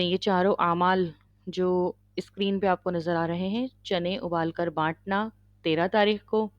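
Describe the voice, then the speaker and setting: A woman's voice: medium pitch, no echo, highs cut off. Woman giving a religious lecture. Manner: measured teaching, checks listeners with "okay?". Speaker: Islamic lecturer.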